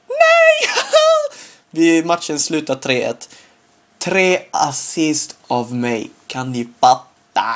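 A man giving casual gameplay commentary as a video creator. He talks in a chatty way, laughs at his own jokes, and jumps into high-pitched yelps and shouts at big moments.

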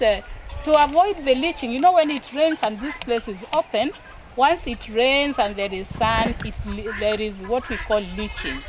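A middle-aged woman farmer showing her farm outdoors, explaining her methods in a plain, practical, step-by-step way. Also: a little high. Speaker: dairy farmer. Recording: outdoor recording with clear background noise.

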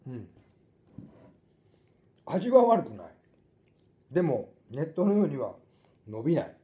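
A man's voice: fairly high pitch, wildly swooping pitch, measured pace, warm tone. A middle-aged man with a Kansai Japanese accent, chatting casually and muttering to himself as he cooks and tastes. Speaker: food vlogger. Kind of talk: casual chat while cooking and tasting. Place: small indoor room at a table.

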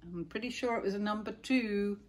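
A middle-aged woman reading a children's picture book aloud and chatting about the pictures between pages. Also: medium pitch. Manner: gentle, chatty, pauses to point out pictures.

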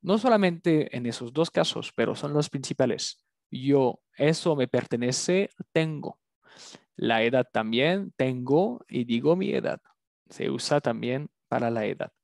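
A man teaching a language lesson, drilling words slowly and patiently. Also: medium pitch, lively intonation, vocal fry, darkish tone, no echo, studio quality. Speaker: French teacher.

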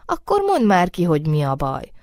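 A woman's voice: lowish voice, wildly swooping pitch, darkish tone, no room sound, studio quality. A woman doing a playful, whispery moonbeam spirit. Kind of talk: storybook reading. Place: recording studio.

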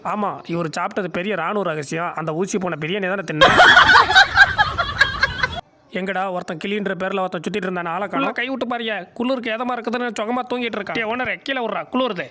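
A man with a very high, sharp voice does comic, teasing voice-overs for animals, bantering in a cartoonish way. He's a comedy voice-over creator, and the background is noisy.

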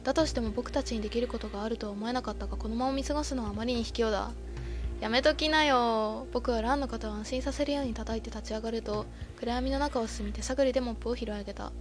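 A woman's voice: a little high, fast talker, music in the background. A woman streaming a game playthrough, reading the story text aloud and breaking in with short startled reactions. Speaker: let's-play streamer.

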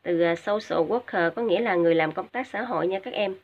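Vietnamese teacher with hesitant fillers, lo-fi. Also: female voice, fairly low pitch. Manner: explains each word in Vietnamese, many filler sounds, drills English words slowly twice. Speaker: English teacher. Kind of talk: recorded video lesson for high school students. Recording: dull lo-fi recording.

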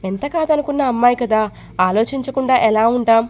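Woman reading as blunt joking mom, higher voice, storybook. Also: brisk, a little mellow, lightly acted. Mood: brusque. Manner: brusque, joking. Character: middle-aged mother, touchy and fond of jokes.

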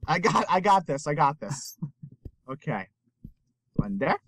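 A man's voice: fairly high pitch, very animated, measured pace, a bit bright. A young man co-hosting a game video, chatting casually and cracking sarcastic jokes at his partner. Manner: sarcastic, joking banter. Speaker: let's play co-host. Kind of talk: casual gameplay chat.

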